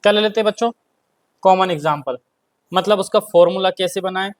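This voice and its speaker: Lecturing and dictating notes, a male chemistry teacher speaks in a high voice with a Hindi accent. He poses questions to students and answers them himself, and he slowly repeats the key terms.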